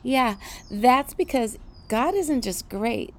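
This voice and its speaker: A woman giving a devotional Bible teaching, animated, asking rhetorical questions and laughing lightly as she reads the story. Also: on the high side, takes it slowly.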